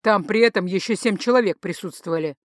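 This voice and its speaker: A woman's voice: medium pitch, fast, no echo, natural voice. Tired sarcastic mage man, cool and clipped, dry sound, woman reading. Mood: irritated. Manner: dry, barely restrained irritation. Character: weary, sarcastic male chief of magic police.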